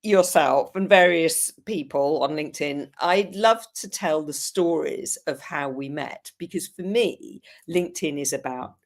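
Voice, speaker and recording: A woman's voice: low-pitched, a little slow, hardly any pauses. An English woman hosting a live online chat show, bubbly and effusive with guests. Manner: bubbly, effusive, laughs often. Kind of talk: enthusiastic livestream chat.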